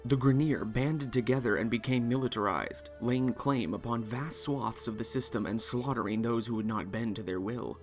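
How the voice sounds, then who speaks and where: Casting: male lore narrator, mid-pitched, formal and solemn scripted storytelling, faint music underneath. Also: normal speed, hardly any pauses. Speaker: narrator of a game lore video.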